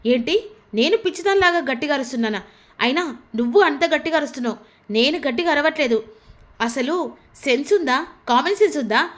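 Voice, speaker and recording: A woman voicing a fiery, outspoken young woman who argues loudly in a recapped TV story. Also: high-pitched. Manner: loud, quarrelsome.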